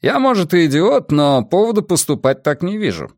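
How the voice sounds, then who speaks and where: A man's voice: on the high side, big pitch swings, normal speed, no echo, clean studio sound, pitched above the performer's own voice. A man playing a smug boyish prosecutor. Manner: smug, smiling, ironic. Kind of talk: audiobook character voice.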